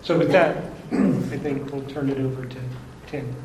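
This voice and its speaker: A man, a township zoning official, giving a measured, procedural report at a public hearing. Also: mid-range voice, darkish tone. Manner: measured, procedural, some restarts. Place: township meeting room. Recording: echoey meeting room, faint hum.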